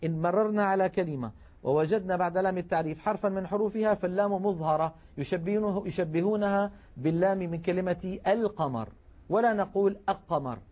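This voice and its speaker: A man's voice: high voice, fairly even intonation, quick pace, darkish tone. A man teaching Quran recitation rules in a broadcast lesson, explaining patiently with frequent hesitations.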